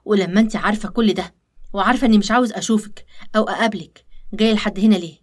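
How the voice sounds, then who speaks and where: A woman with an Egyptian accent voicing a stern young businessman who scolds curtly, in an animated story. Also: mid-range voice, racing, close to an everyday voice. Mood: irritated. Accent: Egyptian Arabic. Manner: curt, scolding.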